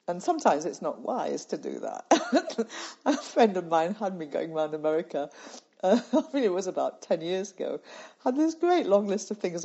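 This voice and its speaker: A former charity president from the UK, an older woman, is interviewed as a guest and recounts stories thoughtfully with easy laughter. She has a fairly low, mellow voice with some breathiness, and the audio sounds lo-fi and a bit muffled.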